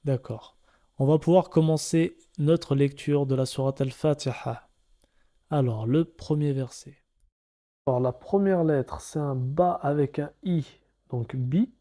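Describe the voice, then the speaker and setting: A man's voice: on the high side, a little slow, mellow. A man teaching how to read letters, patiently spelling out each letter and vowel in a step-by-step lesson. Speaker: Arabic reading teacher. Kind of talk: slow step-by-step reading lesson.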